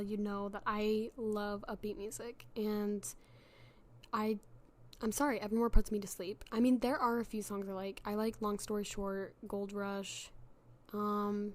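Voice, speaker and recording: Her voice, worn down by illness, is medium in pitch and a little mellow. Hosting a relaxed solo podcast, the young woman chats away with self-deprecating humor, stumbling through many fillers and restarts.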